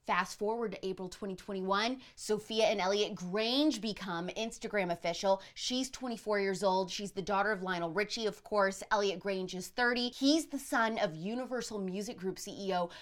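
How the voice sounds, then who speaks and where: A woman hosting a commentary show, delivering pop-culture and political opinions in a brisk, gossipy way. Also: mid-range voice.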